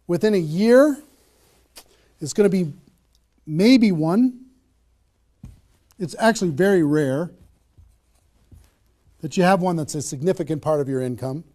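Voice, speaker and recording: Speaking in a high voice, a man pumps up a live crowd at a network marketing seminar, throwing rhetorical question after rhetorical question.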